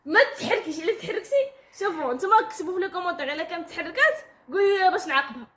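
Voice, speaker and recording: High-voiced teasing Moroccan woman. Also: animated, rapid-fire, roomy sound, background noise. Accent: Moroccan Arabic. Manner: bossy, teasing, giggling. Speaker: vlogger. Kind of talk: casual vlog banter.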